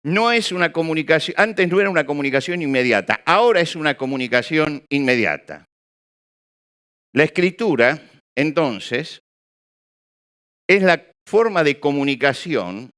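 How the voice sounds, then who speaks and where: A man's voice: on the high side, expressive, moderate pace, a bit bright, smooth. A male pastor preaching to a live congregation, asking rhetorical questions and acting out small examples. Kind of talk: sermon. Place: church or hall with an audience.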